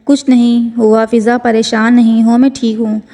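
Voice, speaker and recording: A woman's voice: a little high, flat delivery, mellow, lightly acted. A woman reading the part of a heartbroken young woman student, subdued and tearful, in a story reading. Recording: long hall reverb.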